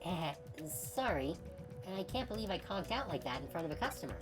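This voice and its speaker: A woman's voice: fairly low pitch, sing-song, fairly quick, music in the background, pitched above the performer's own voice. A woman voicing a bubbly young female record-shop clerk who is an eager, apologetic otaku. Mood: chirpy. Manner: sleepy then chipper, apologetic and eager.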